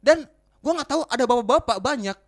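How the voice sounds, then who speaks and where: A young man from West Sumatra telling a road story in slangy, animated podcast chat. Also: very high voice, fast talker. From West Sumatra, Indonesia. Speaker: comedian podcast guest.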